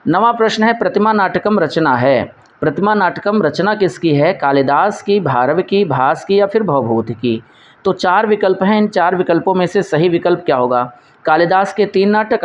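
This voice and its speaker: A man's voice: a little high, highs cut off. A male teacher going through exam quiz questions, posing each question and answering it himself while repeating the key points.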